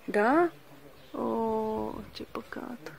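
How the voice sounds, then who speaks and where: A woman's voice: a little high, gravelly, a crowd in the background. A woman filming a casual walking vlog in a village garden on a phone, exclaiming often and talking to her viewers. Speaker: vlogger.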